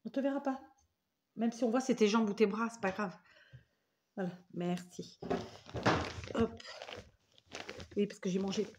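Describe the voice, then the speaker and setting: A woman's voice: medium pitch, a little slow, pauses often, background noise. A woman at home, casually showing craft items in a rambling, self-correcting chatty way. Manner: rambling, self-correcting, warm thanks to senders. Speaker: crafting vlogger. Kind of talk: casual chatty show-and-tell. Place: at home, indoors.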